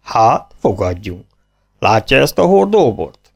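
A man's voice: on the low side, sing-song, vocal fry, slightly rough, full character voice. A man voicing a proud, boastful champion eater and drinker who brags haughtily and grumbles.

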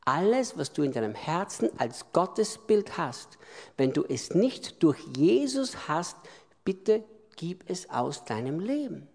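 A man preaching with a high, gravelly voice, hammering points home through repetition and sudden loud swells. His sermon rings out with the long reverb of a large hall.

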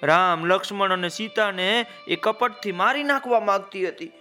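Bright high-voiced man telling a story. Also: moderate pace, soft background music. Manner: calls out to listeners with folksy asides. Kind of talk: children's story narration.

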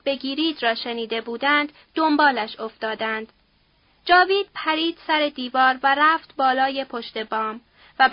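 A woman reading a novel aloud as an audiobook narrator, in a steady, measured way. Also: sits high, no echo, muffled recording.

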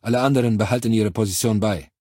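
A man's voice: on the low side, fast, dark tone, slightly rough, no room sound, studio quality. A man reading a curt, order-barking sergeant. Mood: brusque. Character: brusque male sergeant commanding a squad.

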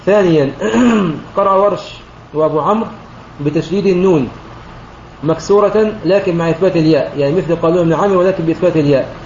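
A high-pitched man speaks quickly as a sheikh teaching Quranic recitation, explaining a poem line by line. His voice sounds roomy and dull, like lo-fi online voice chat with faint noise behind it. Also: darkish tone. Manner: methodical, often pauses to clear his throat and correct himself.

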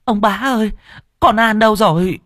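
A man's voice: sits high, normal speed, a bit bright, no room sound, studio quality, pitched above the performer's own voice. A man voicing a poor, frantic old village woman who pleads and cries for her missing daughter. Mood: wailing. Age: older. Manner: pleading, wailing. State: crying.

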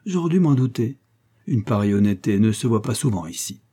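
A man's voice: fairly low pitch, lively intonation, fast talker, dark tone, husky. A man voicing a hearty, good-natured middle-aged banker who was once a sailor. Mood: jovial.

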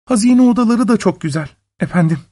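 A man voicing a frightened young wife who pleads in a high, tearful voice. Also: lively intonation, a little fast, warm tone, no room sound, studio quality. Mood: timid.

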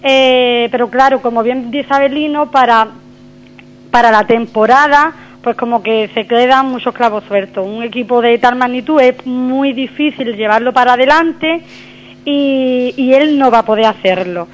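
Woman phoning in to a radio show, high voice heard over the phone line, hesitant and full of fillers. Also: normal speed. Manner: hesitant, many fillers and restarts. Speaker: radio caller.

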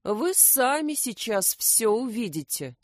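A woman's voice: on the high side, sing-song, slow pace, no room sound, studio quality, voice pushed up. A woman voicing a fussy, tearful little male hedgehog who whines and complains. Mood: whiny. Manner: whiny, complaining.

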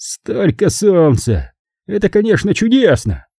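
Brief: man playing a smug heavyset aristocrat, rough-edged and drawling, dark husky tone. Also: sits high, wildly swooping pitch, measured pace, dry recording, studio quality, pitched above the performer's own voice, full character voice. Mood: lazy. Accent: slight German. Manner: lazy, condescending, teasing. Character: bald, heavy, haughty German count, mocking.

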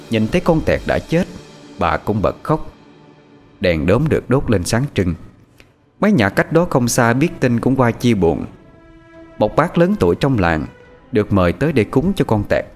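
A man narrates a scary tale in a low, expressive voice. His pitch moves vividly as he builds dread. Faint music plays beneath the story. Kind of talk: scripted horror narration.

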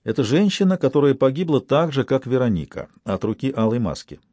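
A man reading an audiobook, voicing a calm male private detective who speaks evenly and dryly. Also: mid-range voice, fairly quick, dry recording, pitched above the performer's own voice. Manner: calm, even, dry.

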